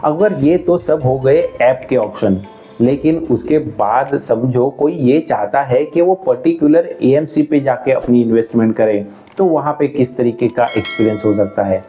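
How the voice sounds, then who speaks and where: A man talks through money matters in a relaxed, conversational manner, building his points step by step. His voice is warm and dark. Soft background music runs faintly under his speech. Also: mid-range voice, moderate pace. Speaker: finance educator. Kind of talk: explainer video.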